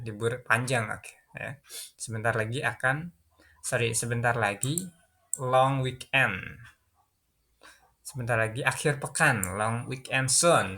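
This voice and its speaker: Indonesian male English teacher, bright voice, patient repeat-and-translate delivery. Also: mid-range voice. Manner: repeats and translates words, frequent "gitu ya" fillers. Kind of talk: classroom lesson explaining vocabulary.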